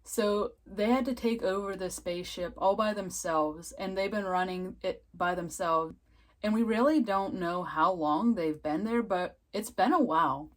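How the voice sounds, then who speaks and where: A chatty woman talks through a TV episode in a relaxed recap. Her voice sits at an ordinary pitch for a woman, and her talk is loose and full of filler words. She keeps slipping into little giggly asides. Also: unhurried. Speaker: TV episode reviewer. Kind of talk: casual recap and review.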